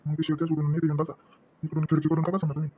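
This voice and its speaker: A man's voice: on the high side, completely flat delivery, racing, lightly acted. A man, playing a pushy, lecherous old man on a bus in an amateur skit, in a wheedling, coaxing voice. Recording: dull lo-fi recording with faint music.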